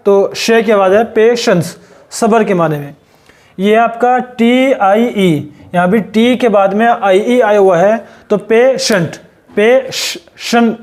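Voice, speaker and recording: A man's voice: sits high, a little mellow. A man teaching an English lesson, spelling words out letter by letter and repeating each one patiently. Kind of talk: classroom lesson.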